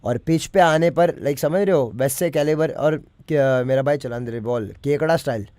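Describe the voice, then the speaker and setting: A man explains his rap lines in loose, relaxed talk, mixing English phrases in and often checking that the listener follows. His voice sits at an ordinary pitch and is recorded close and dry, with no room sound. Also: normal speed, no room sound. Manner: keeps checking the listener understands, mixes English phrases into Hindi. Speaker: rapper explaining his lyrics. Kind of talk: casual lyric breakdown.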